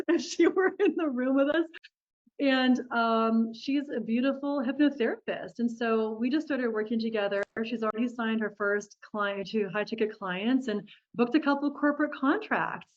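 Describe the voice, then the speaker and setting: Upbeat woman coaching on a video call. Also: fairly high pitch. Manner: upbeat and encouraging, laughs often. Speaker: coach leading an online workshop. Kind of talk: live group coaching session. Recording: dull lo-fi video call audio.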